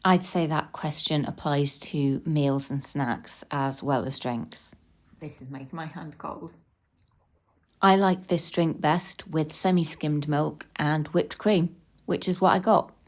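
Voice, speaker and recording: A British woman with a notably low voice speaks in a casual eat-with-me vlog. She is conversational and candid, reflecting as she chats over a drink. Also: takes it slowly. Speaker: vlogger sharing eating disorder recovery support.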